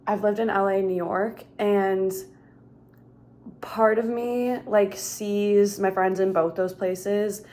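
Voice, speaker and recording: A Minnesota woman in her thirties rambles through a chatty home vlog, leaning heavily on "like" and "um." Her voice is medium-pitched and a little mellow.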